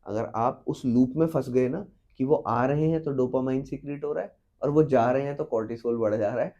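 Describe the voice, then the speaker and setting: Man, teacher, earnest advice, very dark voice, dull audio. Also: mid-range voice, a little fast. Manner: earnest, mixes English phrases into Hindi, repeats "trust me". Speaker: teacher, podcast guest. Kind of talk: advice in a podcast interview.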